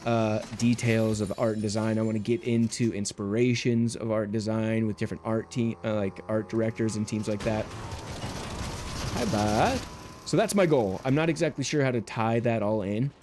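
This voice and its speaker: Here the gamer's voice is fairly low and a touch mellow, moving at a moderate clip with a bit of hiss or hum underneath. Streaming through his headset mic, he keeps up loose, filler-heavy chatter with viewers as he plays.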